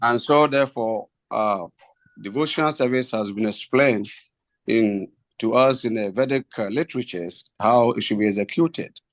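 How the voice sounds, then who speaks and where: A man asking a formal, reverent question as a devotee, deliberately, phrase by phrase. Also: medium pitch, dry recording, rough recording.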